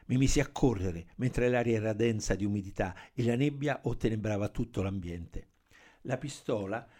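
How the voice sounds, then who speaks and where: A man reading a first-person crime story aloud in a steady, measured manner. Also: on the low side. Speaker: narrator. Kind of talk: scripted narration of a crime story.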